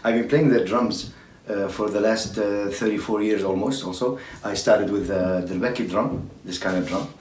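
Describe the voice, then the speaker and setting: Man, low voice, halting lecture, distant mic in a roomy space. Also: fairly even intonation, a little mellow. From Syria. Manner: halting, many fillers. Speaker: drummer giving a talk. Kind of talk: informal spoken lecture. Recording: echoey room, distant mic.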